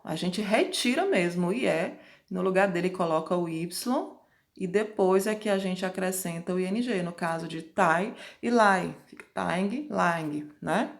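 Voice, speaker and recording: A woman's voice: fairly low pitch, measured pace, gravelly. A woman teaching an English grammar lesson, patiently going through the rules step by step and checking with questions.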